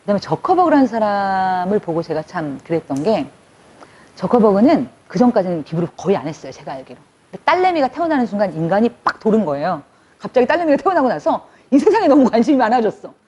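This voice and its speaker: A woman giving a lively, conversational public lecture to an audience. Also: mid-range voice, fast, slightly rough. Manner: lively, conversational, acts out quotes. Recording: dull lo-fi recording.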